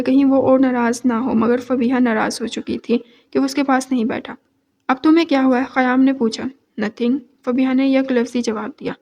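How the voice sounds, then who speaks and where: A woman narrating an audio novel in a steady storytelling manner. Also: high voice.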